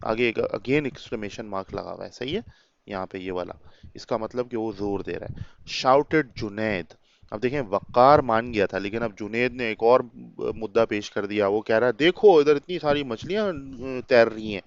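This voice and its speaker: A man's voice: lowish voice, smooth, highs cut off. A man teaching English by reading a children's story aloud and explaining each line in Urdu-Hindi to a child. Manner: reads English lines slowly, then explains word by word; addresses the listener as a child, calls them beta.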